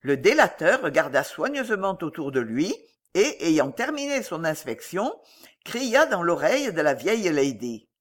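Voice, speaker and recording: A woman narrating a classic novel as an audiobook in a measured, expressive way. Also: on the low side.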